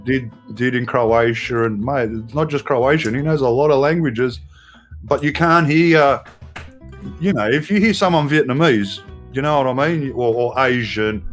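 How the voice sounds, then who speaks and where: A man's voice: medium pitch, normal speed, faint music behind. A middle-aged man with an Australian accent, chatting casually on a livestream, full of fillers and "mate". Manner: loose, swearing, lots of "mate" and fillers. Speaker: livestream co-host. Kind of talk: casual chat.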